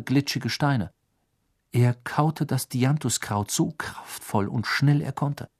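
A man reading a novel aloud as an audiobook narrator, telling the story in a lively way and voicing the characters' quotes. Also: mid-range voice, breathy edge, no echo, clean studio sound.

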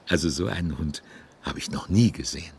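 A man's voice: deep voice, moderate pace, slightly rough, heavily acted. A man narrating a scripted children's story in a genial, amused and wry manner. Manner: wry, lively.

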